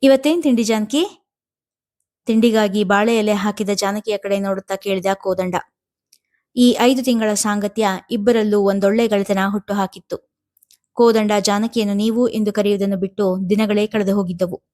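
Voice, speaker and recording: A woman's voice: mid-range voice, level tone, moderate pace, a little mellow. Woman reading a family drama aloud. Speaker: storyteller. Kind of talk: scripted narration of a serialized family drama.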